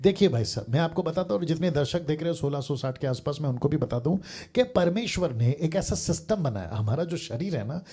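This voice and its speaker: Man, preacher, earnest, raised pitch, mellow husky voice, live call-in talk. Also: lively intonation, fairly quick, few pauses. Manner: earnest, reasoning by everyday examples, repeats "sir".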